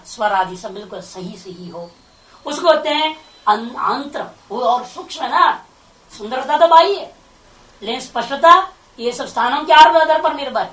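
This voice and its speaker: This is a scripture commentary lecture from a female spiritual teacher, her voice fairly high and a bit bright. Line by line she explains the Sanskrit, asking rhetorical questions, while the distant mic picks up a lot of room echo.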